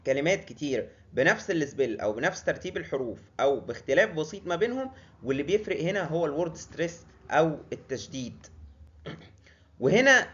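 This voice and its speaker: A young man with an Egyptian Arabic accent teaching English pronunciation in a casual lesson, repeating drilled words slowly with many fillers and restarts. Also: a little high, fairly bright tone, muffled recording.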